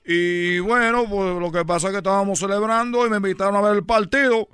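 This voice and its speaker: A man gives a dry, clean recording as a boastful ballplayer in a comedy radio sketch, his voice high, steady, brisk, and sharp. He teases, chuckles, and boasts brashly, faking a Caribbean Spanish accent that drops the R.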